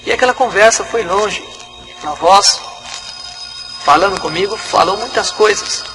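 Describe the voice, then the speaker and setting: Male pastor, high-pitched testimony, music under him. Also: moderate pace, low-quality recording. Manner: repetitive, dramatic retelling. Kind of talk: religious testimony.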